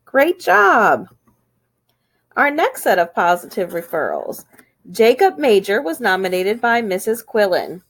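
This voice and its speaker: A woman's voice: mid-range voice, big pitch swings, measured pace. A woman reading school morning announcements in an upbeat, sing-song way.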